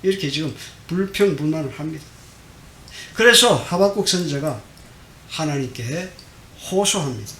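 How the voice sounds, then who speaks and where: A middle-aged male pastor giving a Sunday sermon, swinging between quiet and loud and asking the congregation questions. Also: lively intonation, moderate pace, pauses often. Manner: dramatic swings in loudness, acting out the prophet's complaints. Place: church sanctuary. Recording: echoey church hall with faint rumble.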